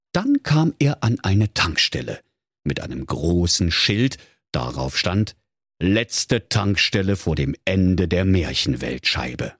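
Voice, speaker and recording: Husky-voiced man narrating a comic fairy tale. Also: mid-range voice, dry recording, studio quality. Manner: mock-solemn storytelling.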